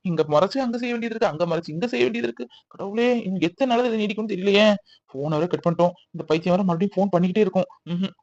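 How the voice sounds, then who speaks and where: A man's voice: high-pitched, no room sound. A young man voicing a harried, guilty young husband who stammers and frets, on slightly dull audio. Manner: flustered, stammering.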